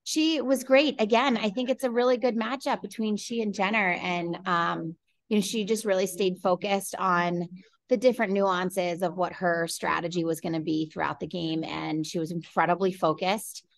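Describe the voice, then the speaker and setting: A woman in her forties, a head coach, answering press questions over a video call from an office, measured and full of fillers and restarts. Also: on the low side, fairly even intonation, vocal fry. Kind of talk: postgame press conference answers. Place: indoor office with large window. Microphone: laptop webcam on video call.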